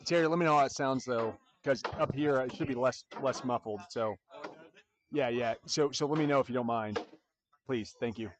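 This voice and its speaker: A man's voice: medium pitch, moderate pace. Casual man commentating a cornhole stream. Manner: relaxed, chatty, addresses viewers directly. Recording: faint background noise and clicks.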